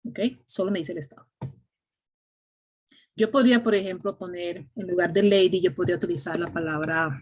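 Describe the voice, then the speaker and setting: A woman's voice: fairly low pitch, steady tone, moderate pace, pauses often, breathy edge. A woman teaching an English grammar class, explaining patiently step by step and often checking in with "ok?".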